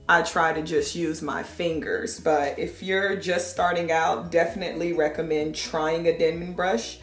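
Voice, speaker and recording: A woman's voice: lowish voice, roomy sound. A young woman vlogger giving a casual hair tutorial at home, chatty and playful, laughing at herself. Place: home room.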